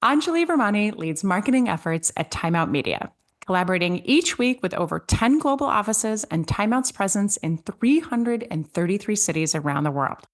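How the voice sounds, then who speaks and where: A woman's voice: medium pitch, lively intonation, moderate pace. A woman hosting an interview podcast, upbeat and enthusiastic as she introduces her guest and asks questions. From born in Switzerland, raised abroad. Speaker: podcast host.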